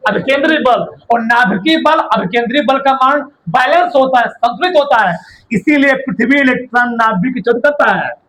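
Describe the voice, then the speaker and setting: High-voiced man teaching a physics class. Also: lively intonation, normal speed, fairly bright tone, a little hiss or hum, low-quality recording. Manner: quizzes students with rhetorical questions; colloquial, addresses listeners as brother.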